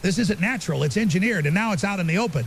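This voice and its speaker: A man with a high-pitched, creaky voice speaks very fast and animatedly as a guest on a fictional apocalypse podcast interview. He plays a grim, urgent conspiracy theorist, emphatic and ominous in clipped, certain statements, with a grim, insistent mood. Rain and a faint hiss sit in the background.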